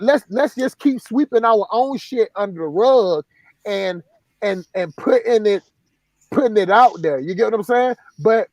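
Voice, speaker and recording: Live stream host, man, high voice, dry close sound, loose rambling delivery. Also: no echo. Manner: rambling, many restarts and "you know what I'm saying". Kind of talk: casual live stream talk.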